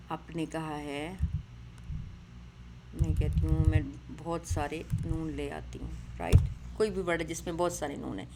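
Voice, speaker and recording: A woman's voice: low-pitched, background noise. A woman teaching an Arabic grammar lesson, explaining patiently, mixing in English words and often checking with "right?".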